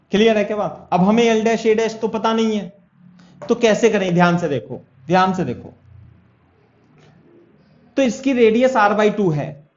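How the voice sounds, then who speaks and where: A man's voice: high voice, a little mellow. A male physics teacher giving a classroom lecture, working through a problem step by step and often checking whether his students follow. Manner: explains step by step and keeps asking if students follow. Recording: echoey room, dull lo-fi sound.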